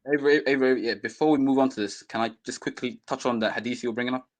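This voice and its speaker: Man, caller, phone mic, earnest, hesitant, average pitch. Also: fairly even intonation, rapid-fire. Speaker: caller on a debate stream. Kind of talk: casual debate chat.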